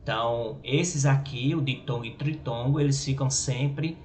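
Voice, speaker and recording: A male teacher with a Brazilian Portuguese accent giving a grammar lesson, halting and repeating words, often checking with his listeners. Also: medium pitch, darkish tone. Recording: echoey room with faint noise.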